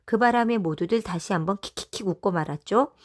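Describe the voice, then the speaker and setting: A woman teacher reads a children's storybook aloud in a lively, expressive way, voicing the mothers with quick jumps in pitch.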